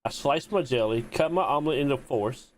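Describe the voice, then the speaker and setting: A man's voice: medium pitch, a little fast. A man streaming a game, chatting casually and teasing his friends with joking, profane banter. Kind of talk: casual gaming stream chat.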